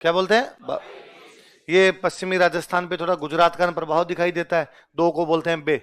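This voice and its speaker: A man's voice: a little high, flat delivery, brisk, smooth. A man teaching a lesson, repeatedly asking questions and answering them himself. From Rajasthan. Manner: quizzes listeners with call-and-response questions. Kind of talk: exam-prep lecture.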